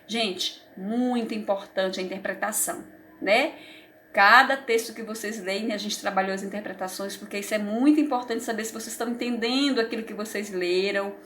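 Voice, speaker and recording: A woman's voice: a little high, a bit bright, a little hiss or hum. A woman teacher with a Brazilian Portuguese accent, reviewing a lesson for young children in a patient, encouraging way that often checks they follow. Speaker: primary school teacher.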